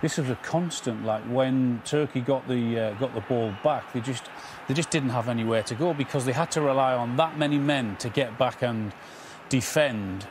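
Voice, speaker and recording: A middle-aged man giving measured post-match analysis in a TV studio, often repeating words as he explains. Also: mid-range voice, noisy background. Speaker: football pundit.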